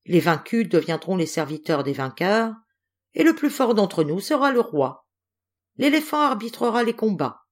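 A woman's voice: mid-range voice, big pitch swings, normal speed, pitched above the performer's own voice. A woman voicing a proud male lion king who speaks in a commanding, declaiming way in a storybook reading.

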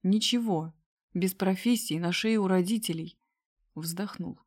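A woman's voice: on the low side, a little slow, a little mellow. Woman narrating an audiobook. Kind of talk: audiobook narration of a first-person story.

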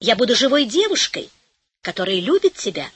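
A woman reading an audiobook, voicing a gentle dream maiden made of cloud, speaking in a soft, hushed, coaxing way. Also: on the high side, big pitch swings, fairly quick, breathy edge, no room sound, heavily acted.

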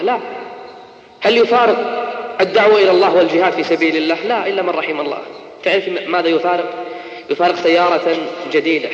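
A man preaching an emotional sermon, swinging from hushed to urgent and slowing into melodic chanted recitation. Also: a little high. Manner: impassioned, rising and falling, slow melodic chanting of verses. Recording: echoey hall, dull lo-fi tape.

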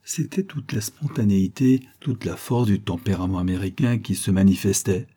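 A man reading a serialized detective novel aloud in a measured storytelling manner. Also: lowish voice, mellow, slightly rough. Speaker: audiobook reader. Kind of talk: scripted narration.

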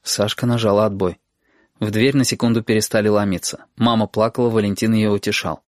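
A man narrating an audiobook in a measured, tense storytelling voice. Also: fairly low pitch, steady tone, no room sound, studio quality. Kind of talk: scripted narration.

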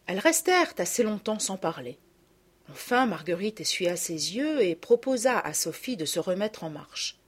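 A woman narrating a classic children's story in a calm, measured reading voice. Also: mid-range voice, slightly rough.

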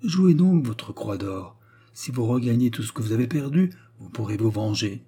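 A man's voice: medium pitch, lively intonation, normal speed, warm tone. A man doing a cold scheming Sicilian noble. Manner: cold, taunting.

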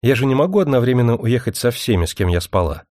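A man's voice: mid-range voice, fast, no room sound, clean studio sound, close to an everyday voice. Man voicing a cool young secretary woman. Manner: calm and flippant at first, later pleading.

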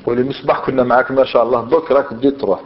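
A man's voice: medium pitch, steady tone, racing, slight background noise. A man teaching a grammar lesson, quizzing his students and mixing dialect into his explanations. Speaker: Islamic scholar teaching Arabic grammar. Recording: dull lo-fi sound, long hall reverb.

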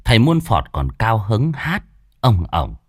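Brief: male ghost-story narrator, animated and expressive, dry close recording. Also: on the low side, a little slow, slightly rough, dry recording. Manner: lively, animated comic delivery.

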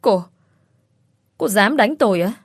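A woman's voice: lowish voice, fairly quick, no echo, studio quality, natural voice. A woman voicing a spiteful young female rival who shrieks scornful accusations in a storybook reading. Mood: scornful, shrieking.

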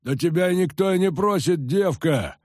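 A man voicing a hostile, bristly peasant man who shouts in rough rustic speech, read in an audiobook. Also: mid-range voice, animated, normal speed, no echo, clean studio sound, voice pushed up.

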